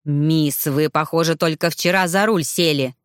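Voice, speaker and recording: A woman voicing an arrogant, gruff male rider who barks and speaks with contempt, for an audiobook. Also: low-pitched, a little slow, no echo, studio quality. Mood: irritated. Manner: barking, contemptuous.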